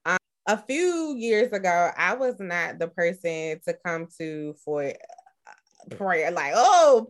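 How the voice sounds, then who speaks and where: Woman career coach co-host, chatty, animated, mid-pitch voice. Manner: animated, expressive delivery. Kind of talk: casual podcast chat.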